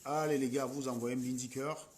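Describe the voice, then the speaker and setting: A man with a Cameroonian French accent talks straight to his viewers on a late-night live stream. His voice sits in a middle pitch, and he scolds commenters bluntly and combatively. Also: steady tone, brisk, slight background noise.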